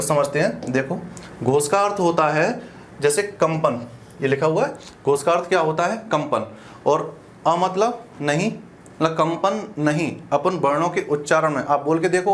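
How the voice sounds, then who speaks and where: A man with a slightly high voice teaches an exam-prep grammar lesson, laying out each term step by step. He talks casually and keeps checking that the students are with him. A faint hiss of noise sits under the recording. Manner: explains step by step with frequent check-in questions; colloquial, uses "apan" for "we".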